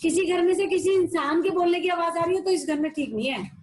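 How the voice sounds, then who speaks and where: A woman's voice: very high-pitched, quick pace, darkish tone. A woman asking clarifying questions in a casual discussion. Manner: inquiring, clarifying.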